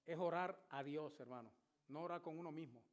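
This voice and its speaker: A man's voice: fairly high pitch, a little fast. A man in his sixties, a pastor preaching a sermon with vivid, emphatic storytelling. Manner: storytelling, emphatic, shouts at climaxes.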